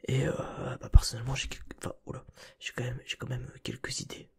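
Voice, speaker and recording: A male ASMR creator speaks in a brisk, mellow whisper with little pitch movement, his mid-range voice creaky and husky. Recorded on a close binaural microphone, he chats informally and aimlessly, speaking straight into the listener's ear.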